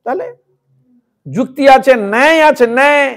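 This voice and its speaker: A man with a very high-pitched voice and a Bengali accent preaches a devotional sermon. He tells the story emphatically and keeps turning to his listeners with rhetorical questions. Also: normal speed, fairly bright tone.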